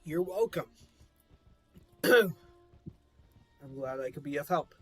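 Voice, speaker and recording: A man's voice: on the high side, expressive, takes it slowly. A man hosting a gaming video with casual, rambling commentary that often repeats itself. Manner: rambling, repetitive explaining. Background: music.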